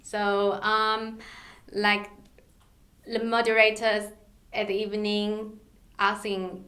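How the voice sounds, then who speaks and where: A woman from Taiwan, speaking as a startup co-founder guest in an interview, in a measured, halting way. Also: mid-range voice, flat delivery, fairly bright tone, echoey room. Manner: measured, halting non-native phrasing with fillers. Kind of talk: interview conversation.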